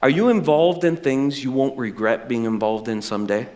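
A middle-aged male pastor preaching a sermon with animated, self-deprecating humor. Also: mid-range voice, moderate pace.

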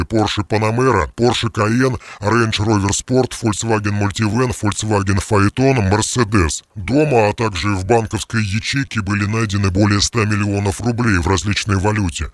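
An anonymous law enforcement source, a man whose voice has been disguised by shifting it deeper, recounting facts in a matter-of-fact way and listing details one after another. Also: steady tone, moderate pace, hardly any pauses, dry recording. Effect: voice disguised, pitch-shifted deeper. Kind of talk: recounting facts in an interview clip.

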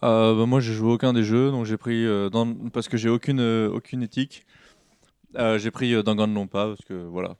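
Smooth low man, halting speech. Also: fairly even intonation, a little mellow, no echo. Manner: halting, hesitant. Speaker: podcast panelist. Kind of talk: casual group chat.

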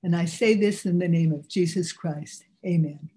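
Delivering a religious address, an elderly woman speaks with sincerity and steady, deliberate timing. Her voice sits low and has a dark quality.

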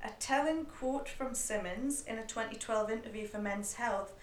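A woman's voice: fairly high pitch, moderate pace, slight background noise. A woman co-hosting a podcast who chats candidly, swears freely and reads narration between conversations. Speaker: podcast co-host. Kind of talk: casual chat and scripted narration. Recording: roomy echo.

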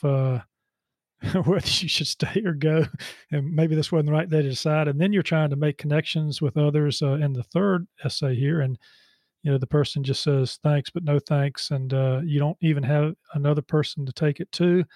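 Mellow-voiced male radio host. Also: a little high, no room sound, studio quality. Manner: measured, halting with fillers. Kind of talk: interview.

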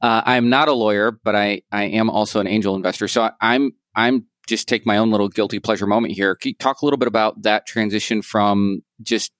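A man's voice: on the low side, steady tone, fairly quick, few pauses, a bit bright, dry recording. A man hosting a podcast interview, casual and eager, often stammering on repeated words. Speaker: podcast host. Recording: dry close sound.

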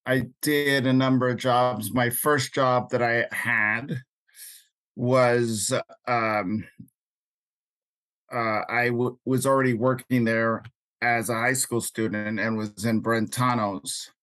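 An older man with a Queens New York accent, recalling things in an interview in a halting way, often pausing mid-sentence. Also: medium pitch, fairly even intonation, a bit bright, dry recording. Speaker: interview guest, labor activist. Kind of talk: unscripted interview recollection.

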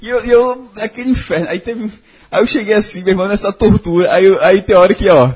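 A man's voice: sits high, fast, darkish tone, husky. A young man telling a funny personal story on a podcast, laughing often and swearing freely. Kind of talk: casual chat.

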